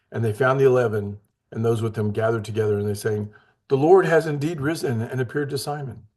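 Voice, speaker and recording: A man's voice: medium pitch, a little mellow. A man teaching a casual Bible study in an earnest, conversational way, acting out the voices he quotes.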